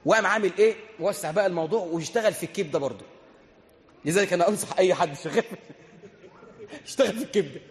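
Fast, high-voiced Egyptian preacher. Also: male voice. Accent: Egyptian Arabic. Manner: animated, chants scripture verses. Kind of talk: humorous storytelling sermon. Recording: reverberant hall.

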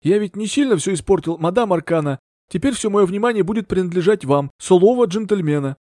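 A man voicing a smooth, flattering young gentleman with an ingratiating, drawn-out manner. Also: sits high, dry recording, clean studio sound, voice pushed up.

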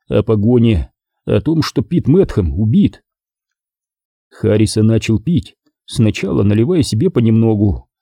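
A man narrating a crime novel as an audiobook in an expressive, dramatic reading. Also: mid-range voice, breathy edge, dry recording, clean studio sound.

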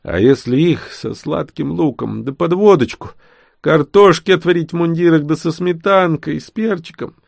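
A man voicing an old, wounded, starving man who jokes gruffly and dwells lovingly on food. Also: fairly high pitch, moderate pace, no room sound, studio quality, pitched above the performer's own voice. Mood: savoring.

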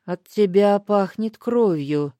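A woman voicing a blind, caring man who speaks in a measured, steady way. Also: mid-range voice, dry recording. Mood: grave. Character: blind, calm, caring man from another world.

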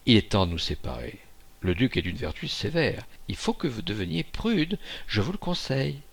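A male volunteer narrator reading a classic novel aloud with lively, swooping intonation and a gravelly, creaky texture. He reads expressively, now and then stumbling briefly over a word. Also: mid-range voice, moderate pace. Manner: expressive reading with occasional hesitations. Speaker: volunteer audiobook reader. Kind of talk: audiobook narration.

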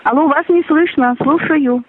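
A woman's voice: sits high, moderate pace. A woman's voice sounding like a glitchy robotic call, repeating the same canned phrases over and over whatever the reply. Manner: repeats the same stock lines regardless of replies. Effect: canned looping phrases played over a call, glitchy and robotic. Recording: tinny phone line.

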